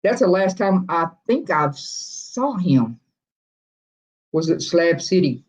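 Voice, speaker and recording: Speaking slowly yet very animated, a drawling livestream host reads out viewer comments and responds in friendly, rambling chat. The pitch is middling, chuckles pop up often, and sentences get restarted. The audio quality is dull and lo-fi.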